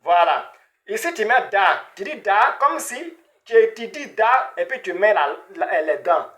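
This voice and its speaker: Male language teacher, high voice, slow and patient, repeats sounds for beginners. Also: sing-song, a bit bright. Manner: repetitive, drills sounds with frequent "hein?" and "voilà". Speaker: Arabic teacher. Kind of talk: beginner pronunciation lesson.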